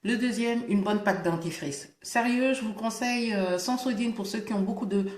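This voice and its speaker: A woman's voice: on the high side, moderate pace, darkish tone, slight background noise. A woman with a lisp that makes her s slushy, chatting casually and emphatically to camera with English interjections. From Senegal. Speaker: beauty vlogger. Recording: roomy, echoing indoor sound.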